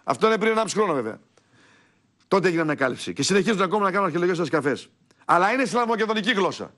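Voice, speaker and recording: A high-voiced man hosts his own TV show from a studio. He rants angrily and shouts at viewers, insulting his targets, then turns to pushing products for sale. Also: sing-song. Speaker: TV show host. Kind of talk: heated political talk and product pitch.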